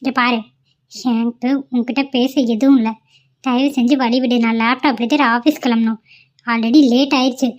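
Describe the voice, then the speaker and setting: A woman's voice: a little high, steady tone, close to an everyday voice. Woman voicing exasperated young wife. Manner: exasperated, brisk. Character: young married woman, fed up and firm. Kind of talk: amateur cartoon voice acting. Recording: dull lo-fi audio.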